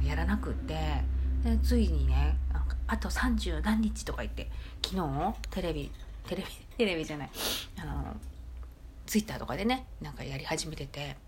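A woman from Nagoya with a Nagoya accent, chatting casually on her own podcast with lots of soft fillers. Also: on the low side, noisy background. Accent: Nagoya dialect. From Nagoya, Japan. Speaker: podcast host. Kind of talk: casual solo chat.

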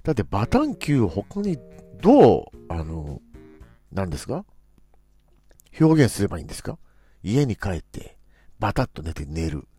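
A man's voice: on the low side, huge pitch swings, moderate pace, long pauses, warm tone, breathy edge, no room sound, faint music behind. A man hosting a casual solo talk show, musing playfully and acting out quoted phrases. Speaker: podcast host.

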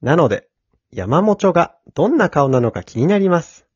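A man reading listener letters aloud on a chatty podcast, his pitch moving lively up and down. His voice is slightly husky, recorded dry and dull in a lo-fi way. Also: moderate pace, no room sound. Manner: reads letters aloud, laughs easily. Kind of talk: casual chat.

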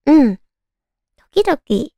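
A woman with a naturally cute, girlish anime-style voice hosts a casual solo radio chat, talking to her listeners in a cutesy, animated way. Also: high voice, measured pace, gravelly, no room sound. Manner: cutesy, animated, addressing listeners with soft questions. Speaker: radio show host.

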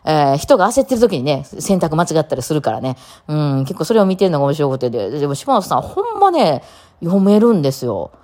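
A woman's voice: low voice, sing-song, fast talker, warm tone. A woman with a Kansai accent hosting a casual solo talk show, rambling chattily and laughing often between many fillers. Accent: Kansai Japanese. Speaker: podcast host.

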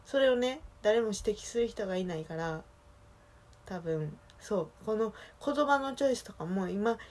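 A woman's voice: mid-range voice, lively intonation, normal speed, darkish tone. Chatty Osaka woman with a Kansai accent. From Osaka, Japan. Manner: chatty, rambling, self-correcting. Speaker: solo podcast talker. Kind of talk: casual solo chat.

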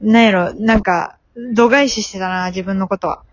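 A woman's voice: medium pitch, fairly even intonation, moderate pace, highs cut off. A woman with a Kansai Japanese accent chatting casually as a comedian co-host, bantering and echoing phrases back. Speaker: comedian co-hosting a podcast. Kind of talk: casual two-person chat.

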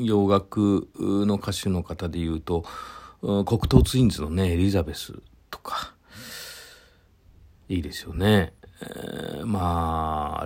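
Solo talk host: middle-aged man, deep low register, relaxed rambling delivery full of drawn-out fillers. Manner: unhurried and musing, many drawn-out fillers. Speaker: podcast host.

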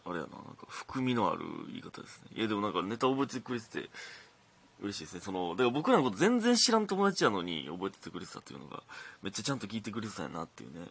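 A man's voice: on the low side, sing-song, very fast, creaky, a bit bright, breathy edge. A young man with a Kansai accent, a comedian hosting his own talk show and telling stories in a rambling, chatty way. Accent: Kansai Japanese. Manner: chatty, rambling storytelling with frequent restarts. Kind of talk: casual monologue.

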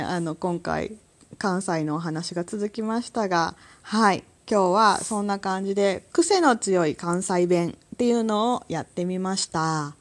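A woman from Kansai with a Kansai accent, hosting a casual solo talk show, chatty and quick to laugh. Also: fairly low pitch. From Kansai, Japan. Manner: chatty, laughs often, lively sound words. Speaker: podcast host.

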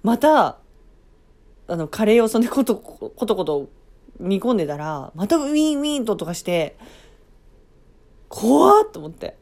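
A woman's voice: medium pitch, sing-song, normal speed, dark tone. A woman casually telling a story on her own as a podcast host, chatty, breaking off for playful asides and acting out sounds and reactions.

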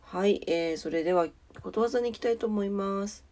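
Hosting her casual morning audio show alone, a woman runs through the weather and daily notes in a polite, chatty manner. Her voice is mid-range and warm, though nasal and stuffed-up, and she speaks a little fast.

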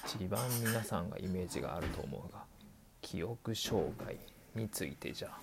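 A man's voice: on the low side, creaky, heavy background noise. A man voicing an elderly male doctor who patiently explains, dragging out his old-fashioned sentence endings. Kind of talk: scripted explainer dialogue.

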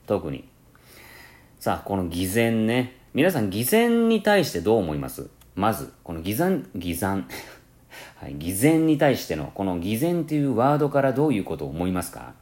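With his pitch moving up and down in a lively manner, a man from Kansai, Japan chats through a solo radio talk as a podcast host. His accent is Kansai-tinged but mixed with standard Japanese. The talk is casual and rambling, packed with fillers and self-corrections.

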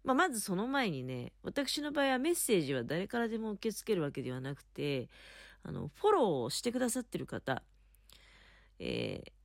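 A woman's voice: mid-range voice, big pitch swings, normal speed, vocal fry, no echo, studio quality. A woman chatting casually on her own as a podcast host, talking in a chatty, polite, explanatory way from under the covers in bed. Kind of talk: casual solo chat. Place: in bed under a futon at home.

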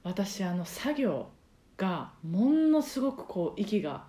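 A chatty woman talks through her points in a soft, breathy voice full of little fillers. Her tone is mellow and warm rather than bright. She sounds as if she is in an echoey room. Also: mid-range voice, very animated, slow pace. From Osaka, Japan. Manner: chatty, explanatory, many fillers. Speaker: podcast host and karaoke teacher. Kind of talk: casual solo podcast talk.

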